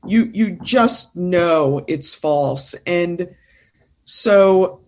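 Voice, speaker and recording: A woman's voice: lowish voice, lively intonation, extremely slow. A woman who coaches presentation skills, talking as a guest in an interview and making her points firmly and insistently. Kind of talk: casual interview conversation.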